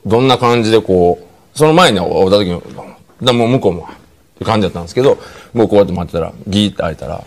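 A man's voice: fairly low pitch, lively intonation, quick pace. A man with a Kansai accent, a comedian telling a funny personal story on a studio talk show and slipping into imitated voices. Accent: Kansai Japanese. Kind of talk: comic anecdote on a talk show. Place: TV studio with an audience.

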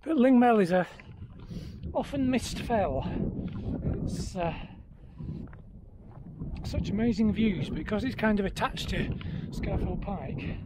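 High-pitched man talking while running. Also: expressive, slow, pauses often. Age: middle-aged. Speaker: trail running vlogger. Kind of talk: casual vlog narration to camera. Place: outdoors on an open mountainside. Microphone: handheld action camera at arm's length. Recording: noisy outdoor handheld camera recording.

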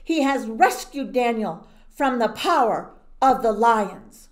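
A woman voicing an ancient male king who speaks solemnly and loudly. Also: a little high, expressive, takes it slowly, pitched above the performer's own voice. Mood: proclaiming. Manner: declaiming, loud and raised.

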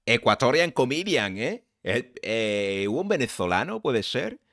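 A man's voice: mid-range voice, big pitch swings, a little slow, fairly bright tone, dry recording, studio quality. A man with an accent from Spain chatting casually and making wry asides while he reacts to a comedy show as a streamer. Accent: Spain Spanish.

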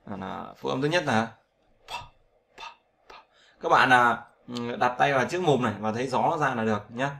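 Man, Vietnamese, casual pronunciation lesson, gravelly voice, keeps asking "right?". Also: medium pitch, fairly quick, hardly any pauses, bright, forceful tone. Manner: repetitive, drills sounds, asks "right?" often. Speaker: English pronunciation teacher.

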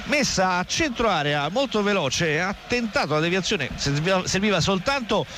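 Casting: Italian man, high voice, urgent live football play-by-play, noisy outdoor ground. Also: lively intonation, normal speed. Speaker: radio football commentator. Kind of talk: live football radio commentary. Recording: noisy outdoor stadium radio broadcast. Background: loud stadium ambience.

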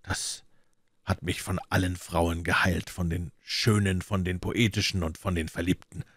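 A man's voice: deep voice, little pitch movement, measured pace, a bit bright, husky, no room sound, clean studio sound, exaggerated voice. A man reading as a brooding, bitter musketeer. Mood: grim, bitter. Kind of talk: audiobook character reading.

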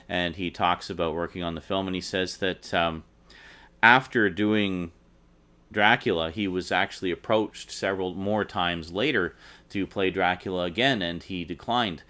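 A man with a fairly low voice talks through a film review. His delivery is casual and enthusiastic. He keeps it loose and chatty, with plenty of fillers. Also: normal speed, pushed and bright. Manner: enthusiastic, conversational, with many filler words.

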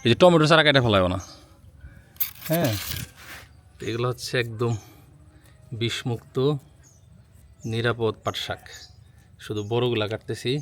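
Gentle dad on a rooftop. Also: male voice, medium pitch, unhurried, long pauses, a little hiss or hum. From Bangladesh. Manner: gentle, coaxing, patiently instructive. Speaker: father and gardening vlogger. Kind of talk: casual family vlog. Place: outdoor rooftop garden. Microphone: handheld phone camera.

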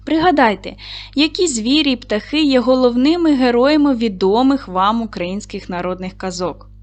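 A woman's voice: on the high side, normal speed. Encouraging woman teaching young children. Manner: clear, encouraging, question-led. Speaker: primary school teacher. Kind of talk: reading lesson for children.

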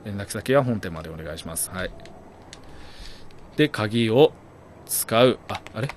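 A man doing let's play commentary, talking to himself in a chatty, joking way. His voice swings widely, from mutters to loud startled yells. Game sound plays loudly underneath him. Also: on the low side, lively intonation, unhurried, slight background noise. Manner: chatty, jokey, bursts into loud startled yelling.

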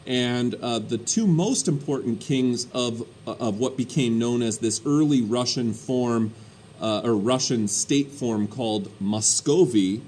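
A man's voice: mid-range voice, slow, a little mellow, a little hiss or hum. Casual male history teacher lecturing. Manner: conversational, with frequent ums and uhs. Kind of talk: recorded classroom lecture.

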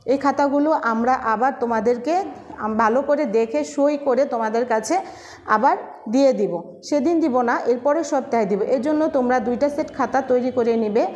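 High-voiced Bangladeshi woman teaching. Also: a little mellow, dull audio. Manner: slow, patient, spells words out letter by letter. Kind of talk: recorded online class lesson.

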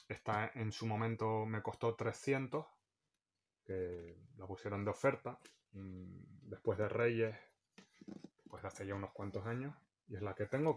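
Casual game-collector vlogger: man, lowish voice, faint hiss behind. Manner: chatty, listing titles one by one.

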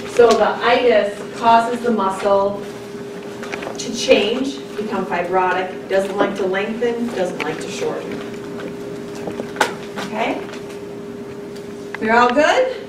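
A woman's voice: mid-range voice, animated, slow pace, pauses often. Lecturing woman heard from a distant camera. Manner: conversational, asks the class "right?" often. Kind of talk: classroom lecture. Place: large darkened lecture room. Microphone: distant camera in the audience. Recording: echoey room, voice from far off, noisy.

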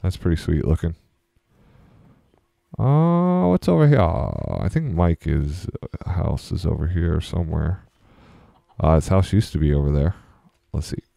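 A man's voice: sits low, big pitch swings, measured pace, gravelly, long pauses, dark tone, no room sound, studio quality. A young man giving casual, rambling commentary as he plays a game and tours a server. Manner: chatty, meandering, easily distracted. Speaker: Let's Play host.

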